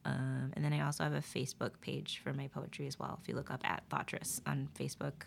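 A woman guest chatting in an interview, telling stories in an animated way, with lots of fillers and laughter. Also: rumbling low, quick pace, vocal fry, slight background noise. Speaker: guest, poet. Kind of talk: casual interview chat.

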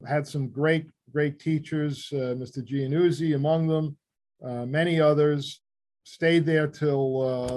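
An older man with a Queens New York accent, explaining things in a measured way as an interview guest. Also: on the high side, a little mellow. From Queens, New York City, USA. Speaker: interview guest, former newspaper reporter and author. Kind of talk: conversational interview answers.

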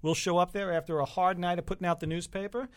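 A man's voice: sits high, fairly even intonation, fast talker. A man chatting casually as a co-host on a radio show.

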